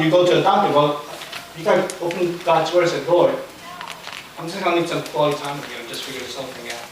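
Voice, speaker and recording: A man preaching a sermon as pastor, animated and quizzing his congregation. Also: on the high side, background noise. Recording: echoey room from far off with crowd. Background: congregation voices.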